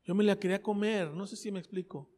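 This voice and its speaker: A man with a Mexican accent preaches a sermon in a church, sharing his own testimony conversationally while repeating phrases and questioning his listeners. His voice sits high with a darkish tone and fairly even intonation, and he talks fast. The church hall is reverberant.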